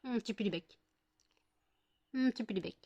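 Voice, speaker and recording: High-voiced woman cooing at her dogs. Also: normal speed, dark tone, highs cut off. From France. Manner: cooing baby talk to pets, playful teasing. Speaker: vlogger. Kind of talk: casual chat to her dogs.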